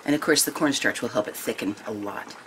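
Older woman, low voice, home cooking chat, noisy kitchen with clinking pans. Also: brisk, a bit bright. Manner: chatty, homey, thinks aloud with many ums. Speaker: home cooking channel host. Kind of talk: casual cooking demonstration. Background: clinking dishes and pans.

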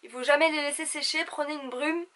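A young adult woman, a beauty vlogger, gossips to the camera as if talking to her girlfriends, in an animated, theatrical casual vlog style. Her voice is high and her pace brisk, recorded in a small indoor room at home.

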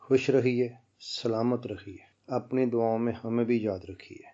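Guy doing a formal documentary narration, dark mellow voice, measured and literary, kinda dull lo-fi recording. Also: medium pitch, steady tone. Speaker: channel host and narrator.

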